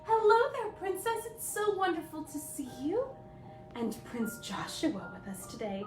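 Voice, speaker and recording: A woman's voice: very high-pitched, very animated, unhurried, distant mic, heavily acted. A woman playing a sweet, cheerful young princess, hosting a live story-time and greeting children in a gushing, sing-song way with little delighted gasps. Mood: sweet, welcoming. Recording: echoey room, away from the mic, faint music.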